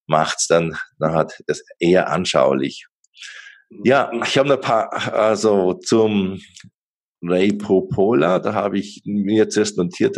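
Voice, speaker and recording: A man's voice: sits low, slightly rough. A middle-aged man hosting an interview podcast, talking hesitantly with many fillers and restarts. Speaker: podcast host.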